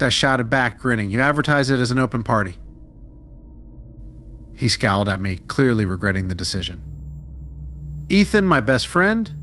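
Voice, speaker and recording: A man giving a steady, dramatic scripted narration of a true-style horror story. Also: mid-range voice, slight background noise.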